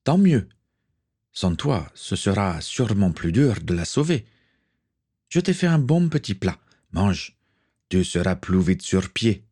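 A man voicing a young woman on a ship's crew, gentle and reassuring in an audiobook reading. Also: low voice, big pitch swings, takes it slowly, husky, heavily acted. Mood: gentle caring. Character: young woman, caring and cheerful crew member.

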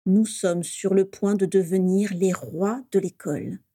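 A woman's voice: mid-range voice, fairly even intonation, a little slow, mellow, dry recording, studio quality, natural voice. A woman voicing an exuberant, cocky teenage boy wizard who talks in a showy, theatrical way. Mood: playful, showy.

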